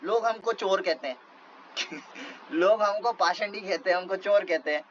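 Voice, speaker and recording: A man's voice: sits high, measured pace, a bit bright, highs cut off. Man voicing a cheeky young saint in a retold legend, teasing complaint, faint hum. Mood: indignant. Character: young playful holy man, cheeky and indignant.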